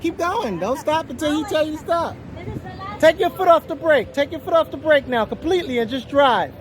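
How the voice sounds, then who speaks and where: A woman's voice: high voice, expressive, a little fast, some chatter behind. A woman coaching casually as an informal driving instructor, giving short, urgent, repeated commands outdoors. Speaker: informal driving coach filming a learner's lesson.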